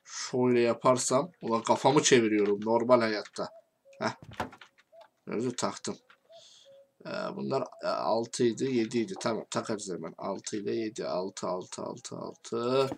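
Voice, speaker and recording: A man with a Turkish accent giving casual game commentary, talking to himself and swinging from quiet muttering to angry shouting. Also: fairly low pitch, a little slow, gravelly, a little hiss or hum. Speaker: gaming YouTuber.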